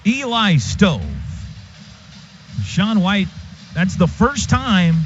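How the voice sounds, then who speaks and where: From a stadium radio booth, an American man calls live football play-by-play in clipped, vivid phrases. His high voice is expressive with drawn-out words, and the live broadcast sounds dull and noisy.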